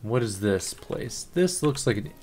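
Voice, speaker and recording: Guy doing lets-play chatter, joking asides, game music quiet in back. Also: mid-range voice, sing-song, a little slow. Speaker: game streamer. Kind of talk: casual let's-play commentary.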